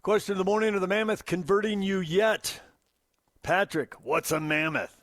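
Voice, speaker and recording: A man's voice: high voice, normal speed, fairly bright tone, no echo, clean studio sound. An American man co-hosting a sports talk radio show, bantering and reading out comments in punchy, emphatic short phrases. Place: radio studio. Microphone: close studio microphone.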